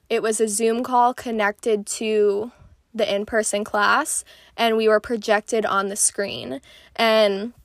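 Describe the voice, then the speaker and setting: A woman's voice: on the high side, a bit bright, no echo, studio quality. A woman in her twenties casually telling stories, chatty and full of "like" fillers. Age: 20s. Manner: chatty, filler-heavy with frequent "like". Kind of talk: casual storytelling.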